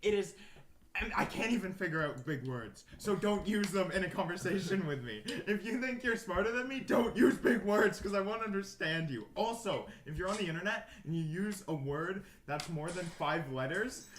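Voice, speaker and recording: A man's voice: high-pitched, normal speed, a little hiss or hum. A young man co-hosting a casual podcast chat, ranting jokingly and laughing often. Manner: joking rants, laughs a lot. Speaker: podcast co-host. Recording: roomy echo, lively chatter behind.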